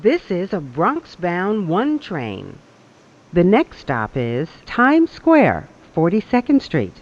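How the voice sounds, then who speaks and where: Train loudspeaker announcement, slow deliberate delivery, dull lo-fi sound. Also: mid-range voice, huge pitch swings. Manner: measured, evenly spaced phrasing. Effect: played over a train loudspeaker. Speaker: recorded subway announcer.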